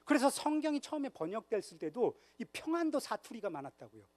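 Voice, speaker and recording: A man's voice: very high voice, sing-song, fast, darkish tone. A man giving a humorous church history lecture at a church retreat, joking and quizzing his audience. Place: church hall.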